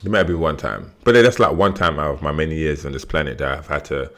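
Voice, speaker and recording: A man's voice: extremely low pitch, quick pace. A young man with a London roadman accent co-hosting a podcast, bantering casually in emphatic street slang. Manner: slangy urban British street talk with emphatic repeats. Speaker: podcast co-host.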